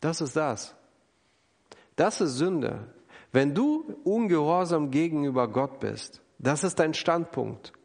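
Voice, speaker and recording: A man's voice: a little high, lively intonation, slow, darkish tone. A man preaching an earnest, emphatic sermon, acting out the people he quotes. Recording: long hall reverb.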